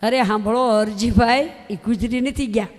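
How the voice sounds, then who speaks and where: A woman's voice: on the high side, moderate pace. A woman tells a devotional story in a sermon, in a folksy, emphatic way, turning often to her listeners. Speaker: religious storyteller. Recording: long hall reverb.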